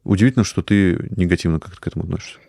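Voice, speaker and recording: A man's voice: sits low, very fast, gravelly, mellow, no echo, clean studio sound. A man hosting a casual sports talk show, talking in a conversational way.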